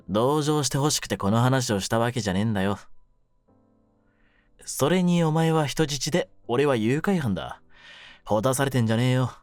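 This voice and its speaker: In a Japanese situation-voice audio drama addressed to the listener, a male voice actor plays a jaded, domineering but secretly tender young-adult mafia kidnapper. He speaks low-pitched, rough, cool and deliberate, in a gruff mood that softens, lightly close to an everyday voice, with no room sound.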